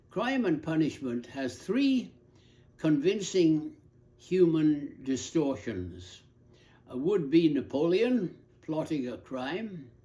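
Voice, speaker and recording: A man's voice: mid-range voice, warm tone. A man giving an earnest, scripted lecture on a novel, telling it like a story. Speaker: lecturer on literature.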